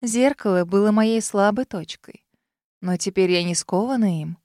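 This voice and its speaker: A woman voicing a treacherous old grandmother witch in an audiobook, speaking in a soft, honeyed, condescending way. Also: medium pitch, normal speed, no echo, clean studio sound, close to an everyday voice. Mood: calm mocking. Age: older.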